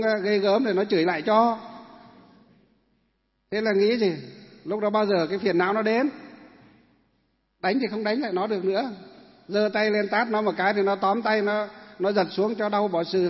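A man, preaching as a monk before a crowded hall. He talks in a homely, questioning way, acting out scenes for his listeners. The sound is dull and carries a long reverb. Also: high-pitched. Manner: conversational, asks the audience questions, acts out family quarrels. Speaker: Buddhist monk. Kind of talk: dharma talk sermon. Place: large hall with an audience. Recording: dull echoey hall recording.

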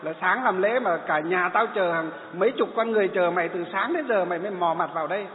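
A furious grown son spits out coarse insults and rough accusations, as a male monk acts him out. His voice rises high and loud, sharp and tinny over a phone-like line. It booms in an echoey hall. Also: steady tone, very fast, a crowd in the background, close to an everyday voice. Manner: shouting insults, jabbing and coarse. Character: angry rude grown son cursing a monk.

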